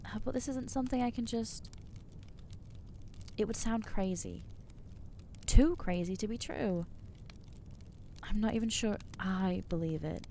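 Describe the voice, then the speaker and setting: In an ASMR roleplay, a woman voices an anxious young female vampire consumed by guilt, who stammers and speaks haltingly while reproaching herself. Her voice is medium-pitched and warm, lightly acted, with slight background noise.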